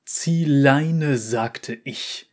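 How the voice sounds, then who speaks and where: A man's voice: medium pitch, takes it slowly, a little mellow, slightly rough. A man voicing an impatient old merchant with a big-city accent, cold and haughty. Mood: snapping. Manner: haughty, snapping.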